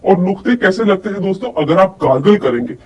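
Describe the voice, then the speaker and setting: This woman's medium-pitched voice is animated and quick, a bit mellow and slightly rough, and the recording sounds muffled. She coaches voice and personality development, teaching listeners directly with demonstrations and questions she poses to them. A faraway microphone picks up faint background noise.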